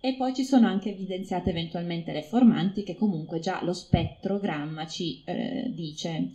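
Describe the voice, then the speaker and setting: A woman researcher giving an informal talk to an audience, explaining her field with many pauses and fillers. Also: lowish voice, warm tone. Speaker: phonetics researcher speaking at an event. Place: room with a live audience.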